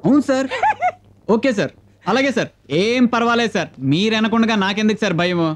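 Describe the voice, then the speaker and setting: An actor playing a bold young newspaper reporter who talks back and stays cheeky. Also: male voice, sits high, animated. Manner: quick, cheeky, defiant.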